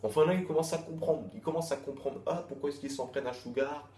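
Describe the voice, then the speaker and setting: This manga chapter reviewer has a slightly high, mellow voice and a quick pace. His review is loose and repetitive, and he keeps restarting and throwing in crude slang. Faint background noise and room echo are audible.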